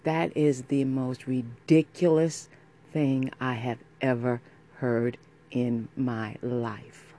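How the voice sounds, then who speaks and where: Emphatic woman podcaster, slow and deliberate. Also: rumbling low, level tone, mellow. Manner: emphatic, impassioned, with deliberate repetition. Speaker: podcast host. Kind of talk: opinionated podcast monologue.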